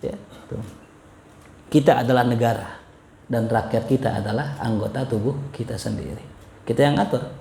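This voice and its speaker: A man's voice: medium pitch, normal speed, gravelly, long pauses, warm tone, a little hiss or hum. A man giving a casual religious study lecture as a preacher, chatty and joking, chuckling often. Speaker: Islamic preacher. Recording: roomy echo.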